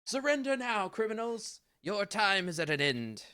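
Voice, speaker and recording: A man voicing a pompous male mech pilot villain who shouts demands. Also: sits high, sing-song, normal speed, clean tone, pitched above the performer's own voice, full character voice. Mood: commanding.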